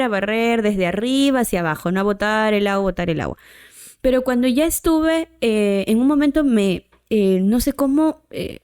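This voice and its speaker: A woman who hosts a podcast tells a personal story in a chatty, casual way, often ending sentences with a questioning "right?". Her medium-pitched voice is a little mellow and clean in tone.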